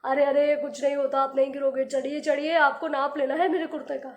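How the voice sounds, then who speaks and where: A woman's voice: high-pitched, level tone, brisk, reverberant, lightly acted. Woman doing a whiny crybaby giant. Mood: coaxing. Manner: whiny, wails when upset. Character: huge round childlike giant man, quick to cry.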